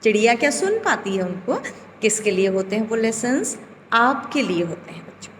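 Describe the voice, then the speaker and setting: A woman teaching a Hindi class to children, speaking deliberately, drawing out vowels and asking the class questions. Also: fairly high pitch, big pitch swings, big-room sound, slight background noise. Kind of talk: recorded online class lesson. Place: home.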